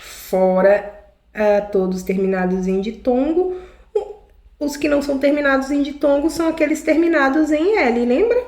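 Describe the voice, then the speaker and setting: A woman's voice: high-pitched, animated, moderate pace, darkish tone. A woman with a Brazilian Portuguese accent, a teacher giving a recorded grammar lesson, explaining step by step and often checking in with the class. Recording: echoey room.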